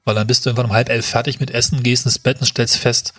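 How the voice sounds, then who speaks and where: Male podcast co-host, mid-pitched and husky, quick rambling casual talk. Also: little pitch movement, fairly bright tone. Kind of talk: casual chat.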